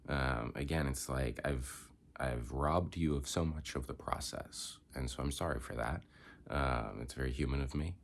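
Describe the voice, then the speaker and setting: A man's voice: a bass voice, moderate pace, slight background noise. A young man, congested, rambling reflectively in a candid personal vlog with many filler words. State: congested, coughing. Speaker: vlogger.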